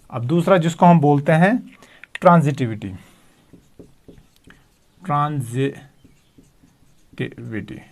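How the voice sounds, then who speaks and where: Math lecturer, higher voice. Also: male voice. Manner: explains step by step, repeats key terms. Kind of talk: recorded video lecture.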